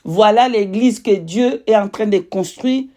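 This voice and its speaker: A woman with a medium-pitched voice delivers a religious testimony in French with a foreign accent, as a non-native speaker. She preaches emphatically, repeating key phrases for weight. Now and then she pauses to search for the right word. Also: dark tone. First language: not French. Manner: emphatic, repetitive, pausing to search for words. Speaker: religious witness giving testimony.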